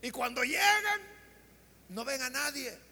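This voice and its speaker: A man preaching a sermon, retelling a story dramatically and shouting out the characters' lines. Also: very high-pitched, animated, measured pace, breathy edge, big-room sound.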